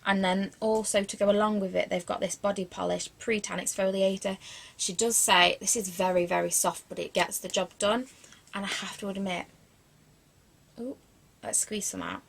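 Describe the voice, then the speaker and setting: Chatty woman with vocal fry. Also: mid-range voice, fairly even intonation, a little fast. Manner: rambling and chatty, lots of fillers and restarts; self-deprecating asides. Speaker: beauty vlogger. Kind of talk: casual product review chat.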